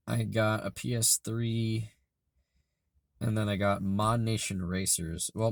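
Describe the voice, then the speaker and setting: Hoarse, deep, creaky young man. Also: no room sound, studio quality. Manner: halting, earnest, trailing off. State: hoarse, losing his voice, tired from working overnights. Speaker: video creator who builds game tracks. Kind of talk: casual, rambling vlog to camera. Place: inside a car, daytime. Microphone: phone held close.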